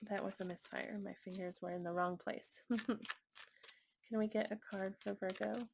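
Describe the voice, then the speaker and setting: A woman giving a casual tarot reading in a gentle, musing way. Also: medium pitch, steady tone, a little slow, vocal fry, noisy background. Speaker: tarot reader.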